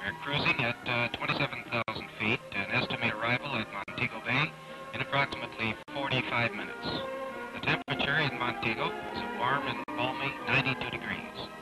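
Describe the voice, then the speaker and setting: A man's voice: mid-range voice, steady tone, brisk, poor audio. A man speaking as the airline captain over the cabin intercom, giving a routine in-flight announcement. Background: loud music.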